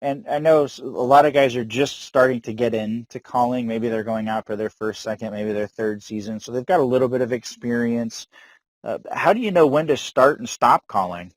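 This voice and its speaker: A man's voice: medium pitch, moderate pace, no echo, poor audio. A man hosting a casual interview and putting questions to his guest. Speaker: host, interviewer.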